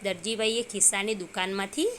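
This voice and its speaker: A woman's voice: mid-range voice, fairly even intonation, brisk, a bit bright, a little hiss or hum. A woman teacher reading a story aloud to young children and explaining hard words simply.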